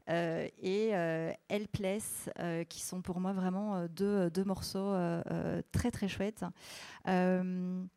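A woman casually presenting vinyl records, talking in a hesitant, halting way with lots of fillers and restarts. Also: on the low side, warm tone, no echo.

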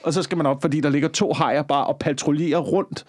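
A man's voice: on the high side, steady tone, no echo. A man co-hosting a casual podcast, rambling through stories with a lot of casual swearing. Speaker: podcast co-host.

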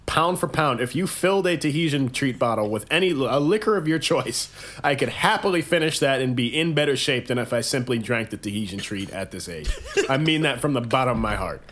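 Male podcast co-host, animated pitch, teasing and profane, frequent laughter. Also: fairly quick. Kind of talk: casual podcast banter.

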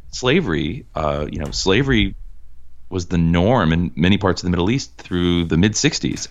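Male host, deep voice, earnest talker who restarts phrases, muffled recording. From Cambridge, Massachusetts. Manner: earnest, many restarts, emphatic. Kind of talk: casual conversational interview. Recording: dull lo-fi sound.

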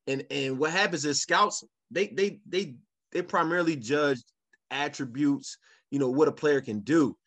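A man's voice: a little high, measured pace, a bit bright. A man on a podcast panel talking sports casually, repeating phrases for emphasis.

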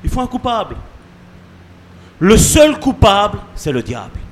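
A man preaching a sermon as pastor, swinging between soft asides and loud calls to the congregation. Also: sits high, huge pitch swings, unhurried.

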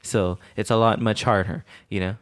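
A man in his twenties co-hosting a casual podcast with his partner, talking in quick runs with restarts. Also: lowish voice, steady tone, clean tone. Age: 20s. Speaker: podcast co-host. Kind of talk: casual couple's podcast chat.

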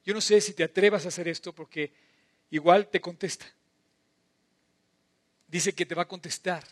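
A middle-aged man preaching a sermon, impassioned, swinging between loud emphatic bursts and soft drawn-out phrases. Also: sits high, fairly even intonation.

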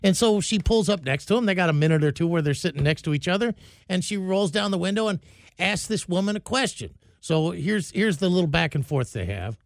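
A man's voice: high-pitched, animated, a little fast, no echo. A man hosting a casual morning radio show, running through sports news and stories in a loose, rambling way with fillers.

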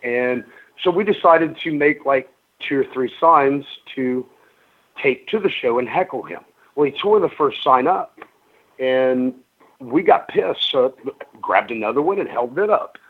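A man's voice: medium pitch, expressive, unhurried, slightly rough. A middle-aged man telling wrestling stories in a casual radio interview, rambling with lots of ums and restarts. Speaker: guest, pro wrestler. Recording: narrow phone-like radio sound.

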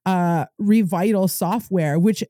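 A woman's voice: medium pitch, slow pace, mellow, no room sound. A woman hosting a podcast, who chats casually and rambles a little as she encourages her guest. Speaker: podcast host. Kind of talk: casual interview chat.

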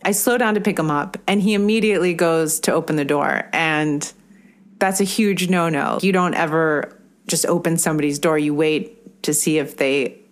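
A woman telling a personal road-trip memory in a calm, reflective way. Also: low voice, normal speed. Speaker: storyteller. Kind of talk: personal storytelling.

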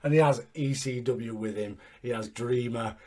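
A man hosting a casual recap chat with sweary, excitable fan talk. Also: mid-range voice, normal speed. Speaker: wrestling podcast host.

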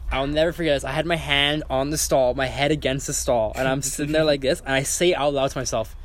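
A man's voice: medium pitch, fairly even intonation, fast. A young man telling a story in casual chat, acting out quotes and swearing freely. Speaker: guest storyteller.

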